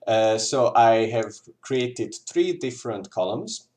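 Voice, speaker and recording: A man's voice: medium pitch, lively intonation, takes it slowly, a little mellow. A man with a Hungarian accent, a native Hungarian speaker, teaching an informal language lesson in a hesitant, explanatory way with repeated examples. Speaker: language tutor.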